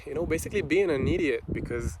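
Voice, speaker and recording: Speaking off the cuff in a personal monologue, an Israeli-accented vlogger whose native language is Hebrew sounds halting and reflective, pausing at length. His voice is on the high side and expressive, and background noise is audible.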